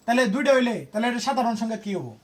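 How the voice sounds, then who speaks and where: A man's voice: very high voice, sing-song, quick pace. A man, tutoring students in an informal lesson and quizzing them with constant questions. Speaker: private tutor.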